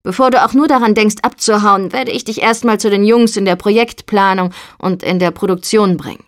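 A woman's voice: mid-range voice, steady tone, fairly quick, natural voice. Woman doing a condescending arrogant young man. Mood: bossy. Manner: condescending, lecturing. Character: arrogant bossy young man, boat builder's colleague.

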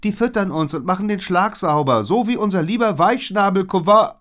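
A man's voice: high-pitched, brisk, fairly bright tone, voice pushed up. A man voicing a haughty young female pigeon with a nasal voice in a storybook. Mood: snooty. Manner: snooty and scornful.

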